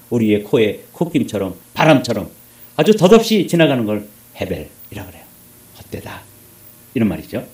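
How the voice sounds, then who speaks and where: A male pastor delivering a sermon in a roomy, echoing sanctuary. His pitch swings widely as he rises to forceful emphasis and drops to quiet asides, and he keeps throwing questions to the congregation. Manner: animated preaching, swings from loud emphasis to hushed asides; addresses congregation with rhetorical questions.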